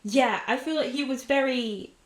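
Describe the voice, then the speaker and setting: A woman's voice: high voice, moderate pace. A young woman co-hosting a podcast, chatting casually and giggling about a horror book, swearing now and then. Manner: giggly, swears casually, reads passages aloud. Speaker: podcast co-host.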